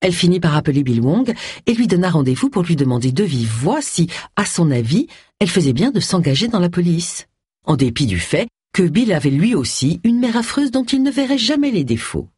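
A husky audiobook narrator with a lively, swooping delivery. The reading moves expressively through the story and changes voice for each character. The recording is dry and close. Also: mid-range voice, fairly quick, dry recording. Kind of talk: scripted novel narration.

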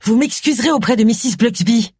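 A reader voicing an excitable middle-aged woman who exclaims and gasps her lines, high and breathless. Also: moderate pace, husky, dry recording, clean studio sound. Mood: outraged. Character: flustered, fiery middle-aged woman heroine.

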